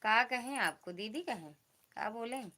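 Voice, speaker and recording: A woman's voice: fairly high pitch, expressive, moderate pace, bright, forceful tone. A woman with an Awadhi accent hosting a casual live-stream chat, greeting viewers by name as they join.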